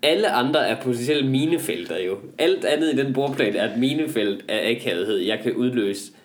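Exasperated, rambling young man chatting. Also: mid-range voice. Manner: animated, exasperated comic exaggeration, rambling. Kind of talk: casual comic chat.

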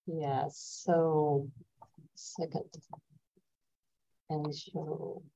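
A woman's voice: low-pitched, little pitch movement, very slow, warm tone. A woman presenting at a work meeting over a video call, speaking hesitantly with fillers and restarts. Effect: heard over a video call. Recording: muffled video call audio.

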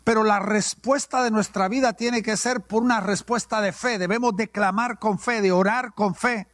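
High-voiced preacher, dry sound. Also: male voice, steady tone, moderate pace, fairly bright tone, no echo. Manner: call-and-response preaching, asks and answers his own questions. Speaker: pastor. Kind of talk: sermon.

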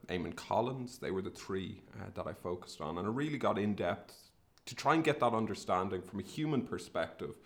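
A man's voice: on the low side, gravelly. A middle-aged man with a west of Ireland, Sligo accent, talking conversationally and a little hesitantly, as if thinking aloud while telling a story. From Sligo, northwest of Ireland. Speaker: academic researcher and podcast host. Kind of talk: casual conversational career storytelling.

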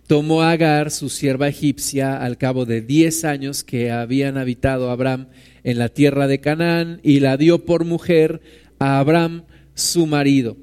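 A man's voice: on the high side, darkish tone, clean tone. A man preaching a sermon, reading Bible verses and explaining them in a conversational way, often asking his listeners "right?".

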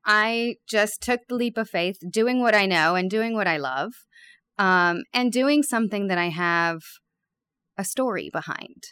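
A woman in her thirties who owns a bakery speaks in a medium-pitched, clean, slightly bright voice. Born in Peru and raised abroad, she's a candid, open interview guest in a casual chat, adding some self-deprecating humor.

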